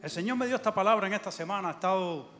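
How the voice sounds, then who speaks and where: A man's voice: high-pitched, racing. A man preaching a fervent sermon in a church, calling out amen and hallelujah often. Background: soft instrumental music.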